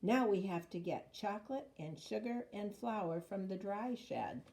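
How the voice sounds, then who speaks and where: A woman voicing a soft-spoken, steady, encouraging old grandmother in a children's storybook. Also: medium pitch, unhurried, a little hiss or hum. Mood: urgent, instructing. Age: older. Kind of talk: storybook read-aloud character voice.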